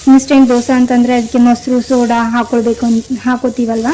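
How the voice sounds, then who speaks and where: A woman hosting a cooking channel, calmly talking viewers through a recipe step by step. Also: a little high, fast, rough recording. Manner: calm step-by-step instructing, addresses viewers directly. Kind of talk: cooking demonstration voice-over.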